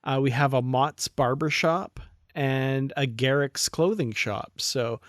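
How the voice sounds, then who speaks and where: An easygoing man co-hosting a review podcast, walking through scenes in a relaxed, friendly way. His voice is mid-pitched and plain. The recording is dry and close. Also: slow, no echo. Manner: easygoing, recaps scenes, laughs along. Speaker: podcast co-host. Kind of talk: casual review chat.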